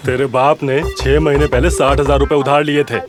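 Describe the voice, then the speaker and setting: A man's voice: medium pitch, little pitch movement, normal speed, lightly acted. An actor dubbing a menacing male loan shark who threatens and taunts. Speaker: moneylender thug. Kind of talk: Hindi film dub. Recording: film soundtrack with loud music.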